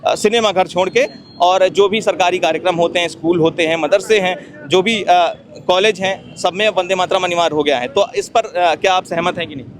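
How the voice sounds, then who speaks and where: A man with a high voice works as a street reporter. He presses passersby with persistent questions outdoors. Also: moderate pace. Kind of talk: street vox-pop interview.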